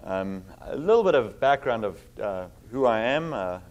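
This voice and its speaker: A middle-aged visiting pastor from South Africa preaches at medium pitch, expressive and darkish in tone, with the highs cut off in the recording. He's earnest, leans on fillers, and reads scripture slowly and with emphasis.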